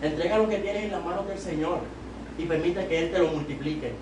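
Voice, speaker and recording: His voice on the high side and fairly quick, a young Puerto Rican evangelist delivers an exhorting youth-service sermon in a Puerto Rican Spanish accent. He holds a handheld mic at the pulpit of a small sanctuary, rising to loud, emphatic peaks. The distant camera records plenty of echo and noise.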